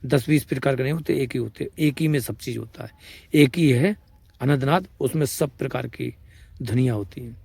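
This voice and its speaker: A Braj-accented Hindi-speaking man leads an informal spiritual discourse, his mid-range voice carrying vocal fry, a darkish tone and a breathy edge, with no room sound. Patient in his explanations, he repeats points and checks in with "samajh rahe hain?".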